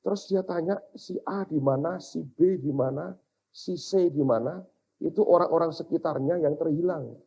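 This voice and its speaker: Male pastor, husky, emotional preaching with big swings in volume; dull lo-fi recording. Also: a little high, moderate pace. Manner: emotional preaching, swinging from loud cries to quiet near-whispers. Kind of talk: sermon.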